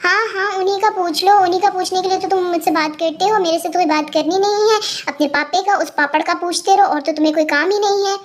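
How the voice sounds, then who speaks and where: A woman voicing a sharp-tongued, dramatic middle-aged mother in a fan audio story, scolding and complaining. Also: very high voice, fairly even intonation, fast, few pauses.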